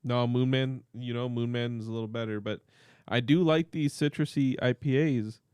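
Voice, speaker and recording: A man's voice: mid-range voice, steady tone, moderate pace, a little mellow, clear, resonant tone, dry recording. A man co-hosting a podcast, talking casually with a laid-back, rambling and joking manner. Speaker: podcast co-host.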